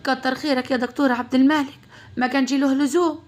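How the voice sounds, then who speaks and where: A proud young orphan woman answers back with quick, defensive retorts in a spoken family story, as a woman storyteller plays her. Her speech rides high in pitch. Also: steady tone, lightly acted.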